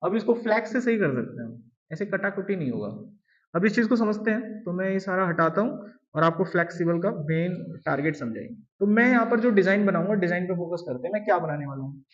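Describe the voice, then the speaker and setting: A man's voice: sits high, lively intonation, fast. Man teaching a live coding class. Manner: conversational, asks the class questions. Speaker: web design teacher. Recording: distant mic, dull lo-fi sound.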